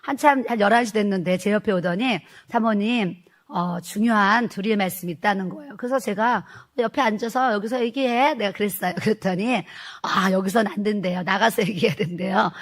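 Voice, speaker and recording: A woman's voice: mid-range voice, a little fast, few pauses. A middle-aged woman, a pastor's wife, retelling a church testimony in a sermon, acting out the quoted speech and laughing as she goes.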